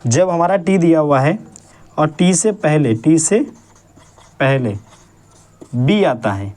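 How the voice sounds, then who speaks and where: A male English teacher giving a classroom lesson, asking questions and repeating each point slowly. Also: a little high, expressive, a little mellow. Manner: drills word sounds syllable by syllable.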